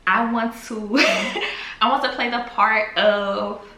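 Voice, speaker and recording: Slow, musing young woman in an echoey room. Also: a little high, sharp tone. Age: 20s. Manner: slow, musing, trails off with fillers. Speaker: vlogger. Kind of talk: casual reflective vlog talk. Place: home, in the evening. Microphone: camera. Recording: echoey room with faint ambience.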